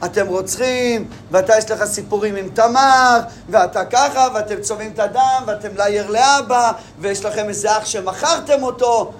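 A mocking ruler of Egypt who needles and teases with every line, as a teacher acts him out. He speaks in a raised, high register and keeps firing questions. It sounds like a lesson-room retelling, with a faint hiss behind it. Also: few pauses, close to an everyday voice. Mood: taunting. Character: mocking, all-knowing male ruler of Egypt.

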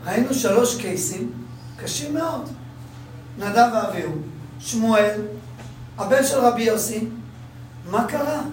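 High-voiced man teaching in an echoey hall. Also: darkish tone. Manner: repeats phrases, quizzes listeners, acts out quotes. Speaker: religious teacher. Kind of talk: Talmud class. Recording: echoey room from far off, faint noise.

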